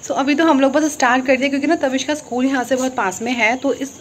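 High-voiced chatty woman vlogger. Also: steady tone, a little hiss or hum. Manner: chatty, talks quickly. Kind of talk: casual chat.

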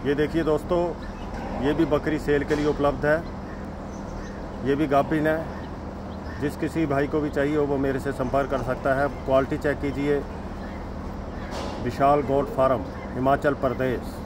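Pausing often and speaking a little slowly, with little movement in pitch, a man tours his goat farm in Himachal Pradesh to sell his goats. He repeatedly delivers the same lines to viewers, calling them friends. The recording picks up outdoor noise.

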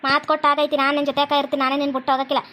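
A woman's voice: high-pitched, monotone, racing, bright, forceful tone. A woman with a North Karnataka Kannada accent, voicing the women of a home cartoon in a dramatic, scolding way. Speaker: voices all female characters. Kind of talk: cartoon voice acting.

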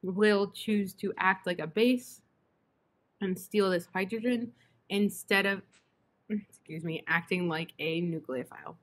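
A woman's voice: medium pitch, a little slow. A young woman tutoring chemistry online, hiccuping and breaking off with apologies as she explains. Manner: apologetic, self-interrupting with "excuse me".

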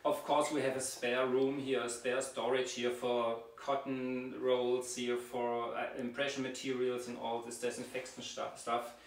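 Slow, halting man touring a dental clinic. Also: medium pitch, flat delivery. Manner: slow, halting, with many fillers and restarts. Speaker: dentist giving a clinic tour. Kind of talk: guided tour, explaining while walking. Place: indoors, a dental clinic treatment and sterilization room. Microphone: camera mic from a few steps away. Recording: roomy, distant, with clear background noise.

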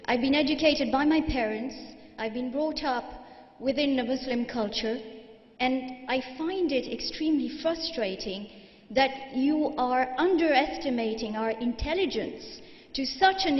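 Young woman, audience member, frustrated and measured, handheld mic, echoing hall. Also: high voice. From Mauritius. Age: young adult. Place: studio audience, large hall. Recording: roomy, dull hall recording.

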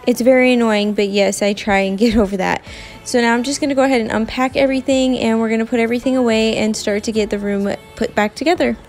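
A woman's voice: on the high side, steady tone, quick pace, a little mellow, faint music behind. A young woman chatting casually as she narrates her home cleaning video, with lots of filler words. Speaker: cleaning vlogger.

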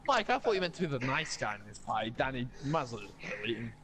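A man's voice: medium pitch, very fast, over a noisy crowd. A man bantering sarcastically in an online game party chat. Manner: sarcastic, laughs a lot.

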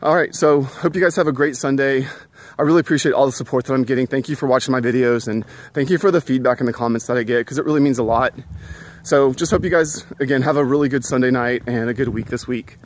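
A man's voice: mid-range voice, fast talker, a little hiss or hum. A middle-aged man in a casual walking vlog, chatty and earnest, a little out of breath, filling his talk with "you know". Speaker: vlogger. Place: outdoors at a school.

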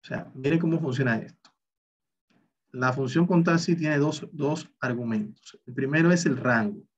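Male instructor, a bit breathy, walks students through formulas aloud; slightly muffled recorded-class audio. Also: medium pitch, normal speed, far from the mic. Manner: explains step by step, talks through each calculation. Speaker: Excel instructor. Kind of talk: recorded online class walkthrough.

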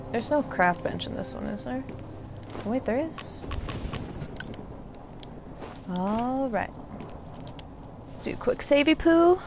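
With a creaky, mid-range voice, a young woman streams live game commentary full of profanity, playfulness, and sarcasm. The recording is noisy, with video game ambience running beneath her voice.

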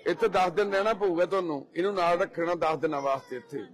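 A man with a Punjabi accent, gently reassuring visitors at a charity and giving them firm advice. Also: high-pitched, fast. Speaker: head of a charity society, meeting visitors. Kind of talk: casual, comforting talk with visitors. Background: crowd chatter.

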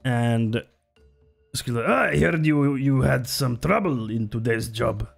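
Man doing a halting innkeeper with broken English. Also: medium pitch, vocal fry, soft background music. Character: nervous caring male innkeeper from a freed people, broken grammar.

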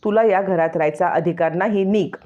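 A woman's voice: lowish voice, a little fast, darkish tone, highs cut off, lightly acted. A woman voicing an angry older mother-in-law who accuses and scolds her daughter-in-law. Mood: angry, accusing.

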